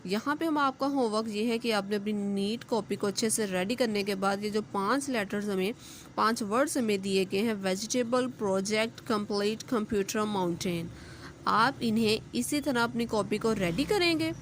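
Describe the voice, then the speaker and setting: Lady teacher going through a grammar lesson, patient, reads the english bits real slow. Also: medium pitch, slight background noise. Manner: patient step-by-step explaining, reads English examples slowly and deliberately. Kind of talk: recorded class lesson explaining grammar and homework.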